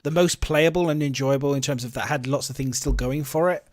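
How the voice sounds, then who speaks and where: A man's voice: mid-range voice, a little fast, dry recording. A man hosting a casual gaming podcast, talking in loose, rambling sentences full of restarts and fillers. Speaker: podcast host.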